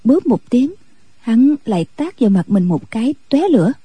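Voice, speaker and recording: Brief: calm woman story narrator, very dark mellow tone, dry close mic. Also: a little high, moderate pace, husky, dry recording. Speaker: audiobook narrator.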